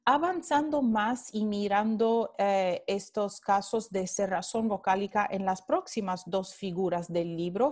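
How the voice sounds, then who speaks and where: A woman giving a recorded linguistics lecture over slides, talking slowly and carefully and repeating example words. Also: medium pitch, darkish tone.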